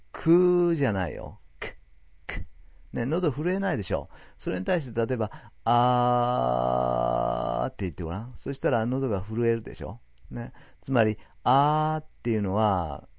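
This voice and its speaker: A man with a fairly low voice explains English pronunciation in a relaxed classroom manner. He keeps checking in with his listeners and breaks sounds down syllable by syllable, with a light tinge. The recording is dry and a little dull. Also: dry recording. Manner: chatty, repeats "ね" to check understanding; demonstrates sounds slowly and syllable by syllable. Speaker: English teacher. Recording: dry, slightly dull audio.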